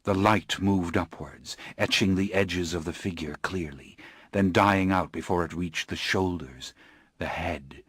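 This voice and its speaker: A man reading an audiobook in scripted narration, hushed and low in the eerie passages and urgent in the action. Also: unhurried, breathy edge, dry recording, clean studio sound.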